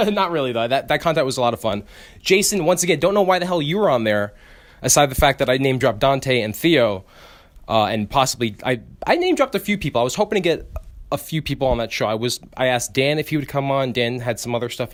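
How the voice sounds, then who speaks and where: A young man hosting a podcast, talking casually on his own in a rambling, profane way with frequent restarts and stammers. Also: medium pitch. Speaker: podcast host. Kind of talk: casual solo podcast monologue.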